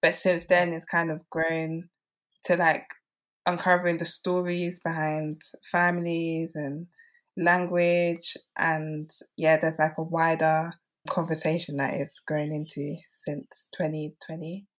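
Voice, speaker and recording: Speaking slowly in a low, flat voice, this woman from England tells stories as a podcast guest. Her chat is relaxed and full of "like."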